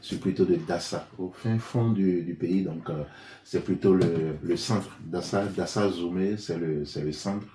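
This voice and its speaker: This deep, mellow male voice belongs to a man from Benin appearing as an interview guest. He answers unhurriedly and hesitantly, in a conversational way full of fillers and restarts. The room is echoey, with faint noise.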